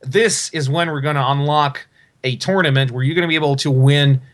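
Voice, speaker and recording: A man's voice: a little high, fairly quick. A man hosting and commentating a live online tank tournament. He is upbeat and promotional, and he repeats his phrases. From half American, half Russian. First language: Russian.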